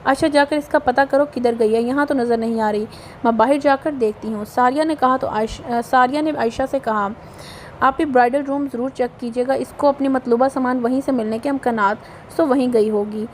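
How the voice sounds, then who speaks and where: A woman with a Pakistani Urdu accent reading a romance novel aloud, voicing every character in a lively way. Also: high-pitched, normal speed, a little hiss or hum. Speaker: audio novel narrator.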